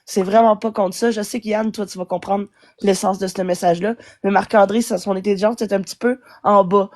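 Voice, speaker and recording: A woman's voice: mid-range voice, steady tone, a little fast, darkish tone. A woman with a Québécois French accent ranting angrily as a guest on a live stream, swearing often. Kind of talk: angry live-stream rant.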